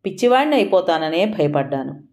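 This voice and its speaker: A woman voicing a young husband who is grieving and then turns gruff, giving abrupt commands. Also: on the low side, sing-song, fairly quick, a little mellow. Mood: tender.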